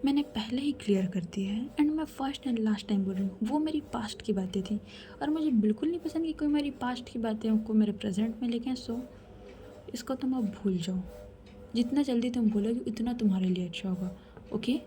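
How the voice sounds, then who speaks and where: A woman's voice: a little high, moderate pace, warm tone, close to an everyday voice. A woman voicing a possessive young woman who speaks firmly and insistently. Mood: stern. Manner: demanding, firm.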